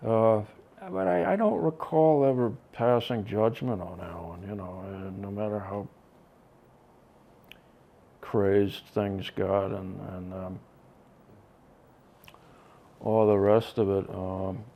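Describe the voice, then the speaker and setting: Older man, gravelly and dark-voiced, slow reflective interview talk full of ums and pauses. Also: fairly low pitch, fairly even intonation. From Connecticut. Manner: slow, halting, many ums and trailing soft phrases. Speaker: drummer interviewed about his band.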